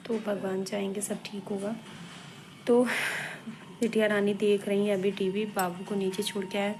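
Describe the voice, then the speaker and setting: A young pregnant woman talks chattily to the camera from her sofa at home, like a family vlogger. Her voice sits at an ordinary pitch. Clear household noise runs under her speech. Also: level tone, normal speed, a little mellow. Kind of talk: casual home vlog chat.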